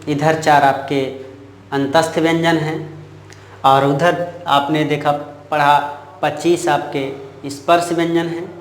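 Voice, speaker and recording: Slow, roomy-sounding man teaching a class. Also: fairly high pitch. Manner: drills sounds aloud, asks questions and answers them himself. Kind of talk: Hindi grammar lesson.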